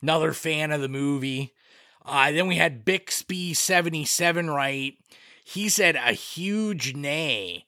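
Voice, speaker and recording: A man with a bright, somewhat high voice chats on a podcast, rambling through fillers and restarts. The sound is dry and close, with no room around it. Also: unhurried, no room sound. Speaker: podcast co-host reading listener responses. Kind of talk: casual podcast chat.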